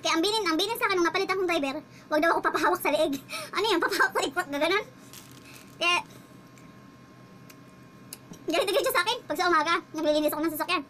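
A woman's voice: very high voice, very fast, pushed and bright, slight background noise. A woman driver telling a casual vlog story, chatty and laughing as she talks. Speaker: household driver and vlogger.

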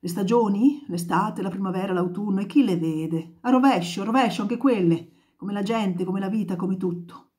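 A woman voicing an angry working-class woman who shouts bitterly at the storm and the world, her voice pitched well above her own. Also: normal speed, lightly acted. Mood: furious railing. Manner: shouting, railing, sarcastic.

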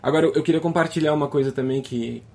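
A man's voice: a little high, fast, creaky, a little mellow. A man co-hosting a podcast, speaking in a casual, hesitant way as he thinks aloud. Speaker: podcast co-host. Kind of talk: casual reflective chat.

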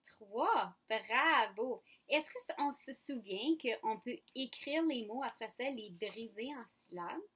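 High-voiced slow teacher coaxing young kids. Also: female voice, lively intonation, fairly bright tone. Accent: Franco-Ontarian French. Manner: slow, clear, coaxing teacher talk to children. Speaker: kindergarten teacher. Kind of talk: online phonics lesson for young children.

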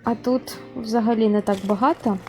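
A woman's voice: a little high, fairly even intonation, moderate pace, a little mellow, soft background music. A woman giving casual gameplay commentary, chatting straight to her viewers as she plays. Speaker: gaming video host.

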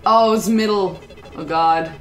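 A woman's voice: medium pitch, unhurried, echoey room, faint music behind. A woman playing and commenting on a video game in casual, joking chat, teasing and swearing freely. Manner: teasing, profane exclamations. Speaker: game player and co-host.

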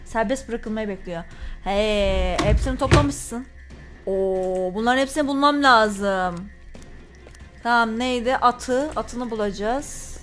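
High bright lady doing horror game commentary, easily spooked, chats to her viewers, faint music under it. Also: slow. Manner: jumpy, talks to viewers, reads in-game notes aloud. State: frightened. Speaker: gaming channel host.

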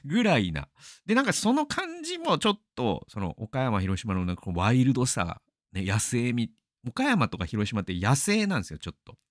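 A man's voice: medium pitch, wildly swooping pitch, fairly quick, no echo, studio quality. A middle-aged man hosting a radio show, talking casually and rambling, laughing often. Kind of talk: casual solo talk.

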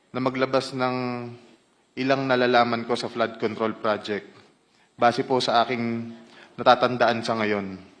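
A man's voice: medium pitch, a bit bright. A man with a Filipino accent giving formal testimony as a witness, reading out a statement that mixes Tagalog and English.

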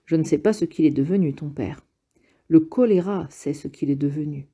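A woman voicing a loud, quarrelsome old male partisan with a husky voice, in an audiobook reading. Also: sits low, normal speed. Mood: grumbling, mocking. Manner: exclaiming, quarrelsome, grandiose.

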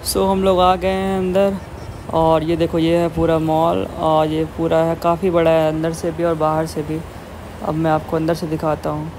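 Flat-voiced young man vlogging on the go. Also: a little high, moderate pace. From India. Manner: flat, chatty tour-guide commentary. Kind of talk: casual walking vlog narration. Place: metro and shopping mall, indoors. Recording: noisy phone recording on the move.

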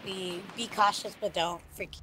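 A woman's voice: medium pitch, steady tone, noisy background. A tipsy woman teammate talking crudely and teasingly over game voice chat. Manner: crude, teasing, slow and drawling. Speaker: random teammate. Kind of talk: casual voice chat.

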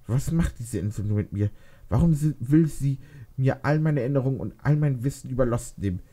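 A man voicing a thoughtful, caring pregnant teenage girl in a read-aloud fan fiction story, with a gentle, hesitant delivery. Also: medium pitch, a little fast, voice pushed up, close to an everyday voice. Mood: sad, brooding.

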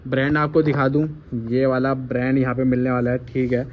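A man's voice: mid-range voice, monotone, brisk, muffled recording. A man vlogging a clothing shop in an enthusiastic, salesman-like promotional style, repeating prices and catchphrases. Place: indoors in a small clothing shop. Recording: noisy shop ambience.

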